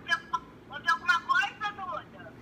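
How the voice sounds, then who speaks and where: A man's voice: very high voice, moderate pace, bright, forceful tone. A man talking on a phone call heard over speakerphone, giving short reassuring answers. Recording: noisy distant speakerphone audio.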